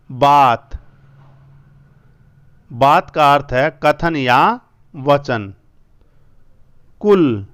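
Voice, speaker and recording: A male teacher going through a school language lesson, repeating each word slowly two or three times. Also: a little high, a bit bright, clear, resonant tone.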